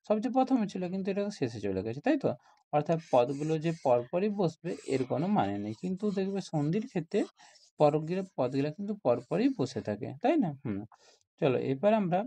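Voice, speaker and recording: A man's voice: on the high side, warm tone. A man teaching a grammar lesson to school students, explaining step by step and often asking questions like "isn't it?".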